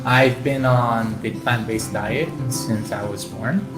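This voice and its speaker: A man's voice: medium pitch, takes it slowly, roomy sound. A man in his thirties telling his story casually as an interviewee. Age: 30s. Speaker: interviewed parent. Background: loud guitar music.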